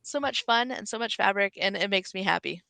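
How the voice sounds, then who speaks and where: A woman's voice: medium pitch, fairly quick, creaky, sharp tone, no room sound. A woman talking casually as a guest on a podcast. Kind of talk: casual chat.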